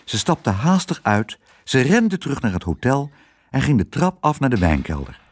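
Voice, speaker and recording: Animated man reading a children's story. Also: mid-range voice, moderate pace, husky. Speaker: narrator. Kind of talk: storybook read-aloud.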